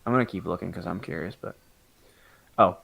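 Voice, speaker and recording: A man's voice: sits low, brisk, vocal fry, fairly bright tone, breathy edge. A man co-hosting a casual chat, making dry, teasing remarks.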